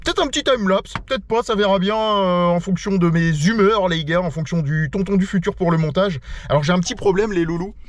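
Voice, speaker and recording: High-voiced chatty man vlogging from his car. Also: a little fast, few pauses. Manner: chatty, playful, keeps calling viewers "les loulous". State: stuffy nose. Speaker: travel vlogger. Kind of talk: casual vlog talk to camera. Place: inside a car on a road trip. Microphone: action camera mounted in the car.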